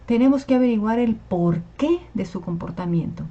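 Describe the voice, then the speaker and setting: A woman's voice: on the high side, animated, moderate pace, mellow. A woman teacher, patiently explaining and checking in with her class. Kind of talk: online class lecture on Spanish spelling. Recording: slightly dull lo-fi recording.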